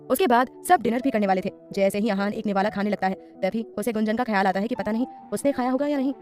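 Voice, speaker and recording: A woman storyteller narrating a serial story in a brisk, even reading. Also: medium pitch, soft background music.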